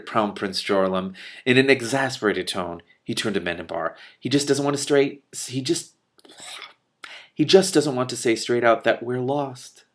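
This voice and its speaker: A man performs a fantasy novel aloud, his voice rising in pitch and volume when characters speak. He is animated throughout, interjecting rapid mutters, laughter and curses between sections as both reader and commentator.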